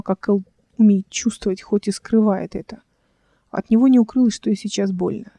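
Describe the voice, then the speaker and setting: An audiobook reader giving an even, measured narration of a novel. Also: medium pitch, no room sound, studio quality. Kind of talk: scripted narration.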